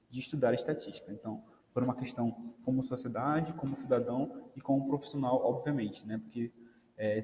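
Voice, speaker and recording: A man's voice: mid-range voice, dark tone. A Brazilian man teaching an introductory statistics class, explaining step by step and often checking in with "né?". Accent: Brazilian Portuguese. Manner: explanatory, many fillers like "né" and "ok". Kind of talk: recorded lecture. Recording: roomy reverb, faint ambience.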